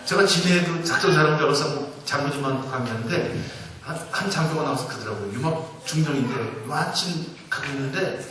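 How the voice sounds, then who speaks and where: Guy in his 60s preaching w jokes, kinda high voice, super echoey church hall, sounds far off from the mic. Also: fairly quick, sharp tone. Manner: jokey storytelling, asks the audience questions. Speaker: church elder giving a guest talk. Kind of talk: humorous sermon-lecture to a congregation. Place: large church sanctuary.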